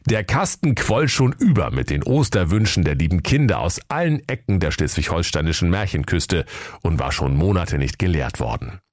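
A man narrates a comic fairy tale in a low voice with a northern German accent. His delivery is playful and very animated, and the recording sounds dry and close. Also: moderate pace, no room sound. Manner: lively, playful storytelling. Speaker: storyteller.

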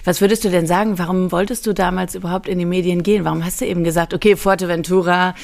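A woman's voice: on the low side, steady tone, fast talker, creaky, a little mellow. A woman hosting a podcast, asking eager questions in a casual interview with fillers. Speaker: podcast host.

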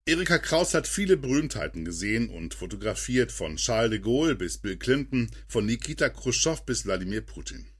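A man reading a scripted podcast story as narrator, in a lively storytelling manner. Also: a little fast, few pauses, breathy edge. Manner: lively storytelling read with dramatic drops in pitch.

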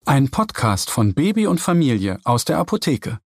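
A man reading a children's story aloud in a slow, lively, expressive way. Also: medium pitch, no room sound, clean studio sound.

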